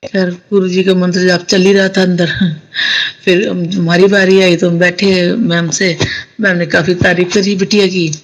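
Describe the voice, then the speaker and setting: A woman's voice: on the low side, level tone, a little slow, poor audio. Woman telling a devotional story. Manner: conversational, addresses the listeners as sangat ji. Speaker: satsang storyteller sharing a devotee's experience.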